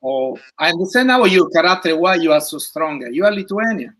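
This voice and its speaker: A man's voice: on the high side, animated, a little fast, a bit bright. A man co-hosting a live video-call interview, talking effusively in broken phrasing.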